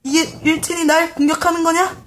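A man's voice: very high voice, level tone, brisk, a bit bright, voice pushed up. A man doing a yelping zombie pig monster. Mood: panicked. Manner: yelping in alarm.

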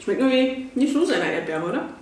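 A woman's voice: high voice, very animated, fast talker. Young woman host, giggly and chatty, distant mic in an echoey room with some noise. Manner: giggly, chatty, lots of fillers. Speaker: channel host. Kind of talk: casual snack-tasting chat. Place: indoor studio set at a table.

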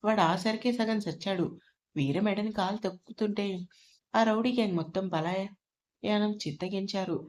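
A woman reading an audiobook love story aloud in a steady, even narrating voice. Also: medium pitch, moderate pace.

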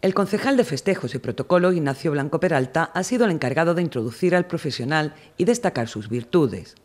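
A man's voice: on the high side, expressive, fairly quick, slight background noise. A man reading a scripted news report as the reporter's voice-over.

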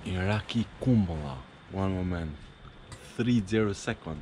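A man chatting in broken, halting English at a party. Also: low-pitched, slight background noise. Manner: halting, searching for words. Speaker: local host at a party. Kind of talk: casual chat in broken English. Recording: recorded at a party with loud music.

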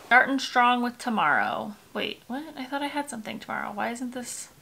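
Speaking briskly and animatedly with vocal fry, a fairly high-voiced American woman in her twenties rambles to camera as she vlogs through rooms of her home. The recording is noisy, echoey from the bare room, with background music underneath.

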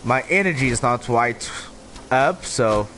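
A man's voice: medium pitch, animated, measured pace, a bit bright. A man giving casual, chatty gameplay commentary as a streamer, with a playful manner. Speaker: game streamer. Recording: clear background game noise. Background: game ambience.

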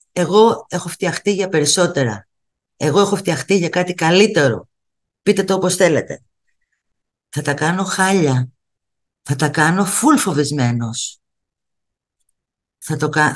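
A middle-aged woman giving a motivational talk, speaking straight to her viewers and repeating key phrases for emphasis. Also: fairly low pitch. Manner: addresses viewers directly as kids. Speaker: motivational coach.

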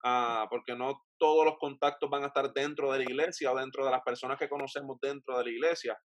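A man's voice: medium pitch, fairly even intonation, fairly quick, no echo. Young puerto rican guy hosting a video call, mid voice, dead dry sound, long rambling questions. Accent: Puerto Rican Spanish. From Puerto Rico. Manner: thoughtful, long winding questions. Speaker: host. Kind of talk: casual interview over video call. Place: home room with bookshelves, indoors. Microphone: webcam on a video call.

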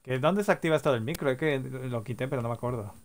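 A man's voice: medium pitch, fast talker. Teasing streamer man. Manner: teasing, swears casually. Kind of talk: casual gaming chat.

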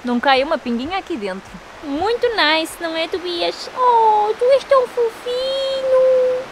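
A young woman with a European Portuguese accent, chatting excitedly in a casual vlog filmed on a handheld camera. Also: very high voice, a little slow, a little hiss or hum. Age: young adult. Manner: chatty, excitable, talks to her cat. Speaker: vlogger. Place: home kitchen and garden.

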